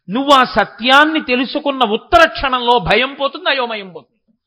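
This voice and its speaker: An older man giving a spiritual discourse, chanting Sanskrit verses slowly and asking rhetorical questions. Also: extremely high pitch, dull audio.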